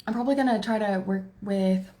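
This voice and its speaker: A Texan woman hosts a tarot livestream, chatting casually and laughing as she talks to her chat and to herself. Her voice is medium in pitch, brisk and mellow.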